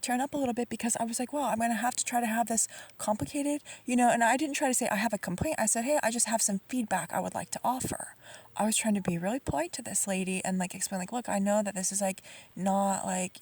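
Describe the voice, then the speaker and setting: A woman's voice: a little high, darkish tone, breathy edge, no echo, recorded from a distance. A woman telling an aggrieved, rambling complaint story to camera, full of fillers and sometimes dropping to a near-whisper. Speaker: vlogger.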